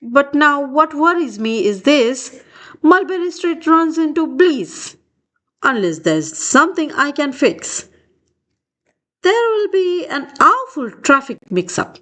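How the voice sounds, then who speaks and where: A high-voiced woman reads slowly from a children's picture book, bringing the story to life with expressive delivery.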